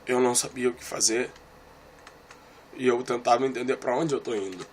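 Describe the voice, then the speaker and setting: A man's voice: mid-range voice, steady tone, moderate pace, a little hiss or hum. A man giving a personal religious testimony about a vision. He speaks earnestly and emotionally to one listener and repeats his phrases. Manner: talks straight to one listener.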